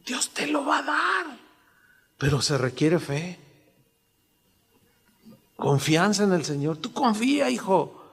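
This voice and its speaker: A man with a Mexican accent voicing a wise old biblical father who gently reassures his son to have faith. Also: fairly high pitch, sing-song, slow pace, gravelly, long pauses, in a large hall, exaggerated voice. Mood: reassuring.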